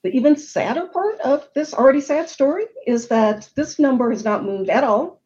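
Speaking at normal speed, a middle-aged woman with a high, expressive, somewhat dark voice explains a supplier diversity problem on a webinar panel. She is earnest and explanatory, going through facts and statistics, and the audio is dull.

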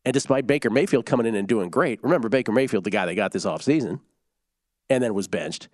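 Male sports betting co-host, very lively pitch, dry studio sound, chatty and joking. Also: quick pace, no room sound. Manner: chatty, joking, rattles off scores and odds. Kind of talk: casual sports betting chat.

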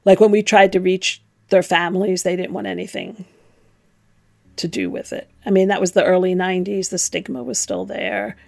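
A woman's voice: mid-range voice, fairly even intonation, moderate pace, creaky, a little mellow. A middle-aged woman, a former nun, telling her story frankly and reflectively in an interview.

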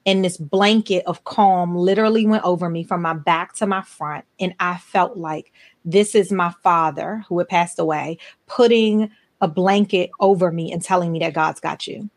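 A woman's voice: on the low side, normal speed. A woman in her forties hosting a podcast interview, telling personal stories in an earnest, emphatic way. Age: 40s. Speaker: podcast host. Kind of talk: conversational interview.

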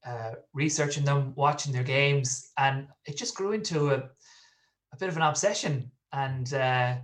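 A man's voice: mid-range voice, a little slow, a bit bright. A man around thirty with a west of Ireland accent, telling personal stories as a guest in a casual interview. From Galway, west of Ireland. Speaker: podcast guest, football fan.

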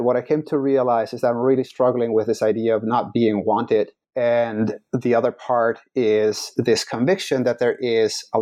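Man, forties, from the Netherlands, podcast guest, earnest, measured, halting storytelling. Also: medium pitch, a little mellow. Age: 40s. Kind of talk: reflective personal storytelling.

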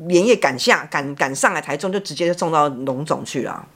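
Fast, lively Taiwanese Mandarin woman. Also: low voice, husky. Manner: frank, blunt, swears and repeats words. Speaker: podcast guest. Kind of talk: personal storytelling chat.

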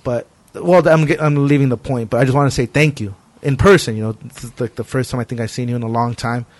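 A man's voice: medium pitch, steady tone, quick pace, no echo. Casual male podcast host, close dry sound. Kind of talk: casual conversation.

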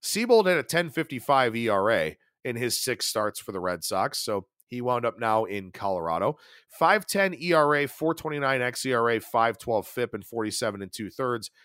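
Male betting podcast host, solo analysis, lively pitch, dry close mic. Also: no echo. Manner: rapid stat-heavy delivery, animated.

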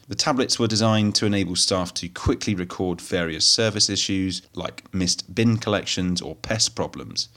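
Male news presenter, low-pitched, scripted read with a steady, measured cadence. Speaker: host of a technology news roundup.

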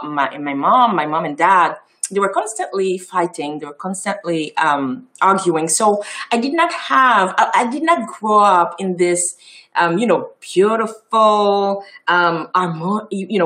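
Haitian-accented woman giving a casual talk. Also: fairly low pitch. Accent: Haitian French and Creole. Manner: warm, chatty, many ums and restarts. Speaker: festival founder giving a talk.

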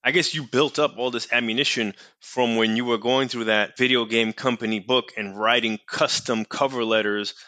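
A man's voice: mid-range voice, steady tone, moderate pace, hardly any pauses, bright, forceful tone, no echo. A male host chatting casually, laid-back and conversational, often checking in with "right?". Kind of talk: casual podcast chat.

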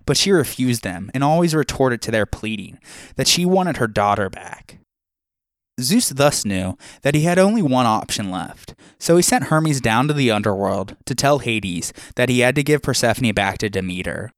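A man hosting a podcast reads his scripted retelling of old myths in a steady storyteller's voice, dropping in small asides. His pitch sits mid-range for a man. The sound is dry and close, with no room around it. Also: normal speed, no room sound. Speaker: podcast host.

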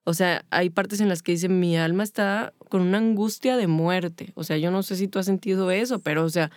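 A woman's voice: lowish voice, normal speed, dry recording, studio quality. A woman with a Mexican accent talking casually about faith and emotions, stacking up long spoken lists. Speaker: podcast co-host.

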